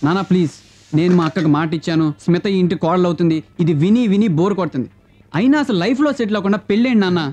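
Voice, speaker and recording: A cheeky, fast-talking young reporter. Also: male voice, sits high, warm tone, lo-fi sound. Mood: exasperated. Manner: quick, cheeky, defiant. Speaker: newspaper reporter.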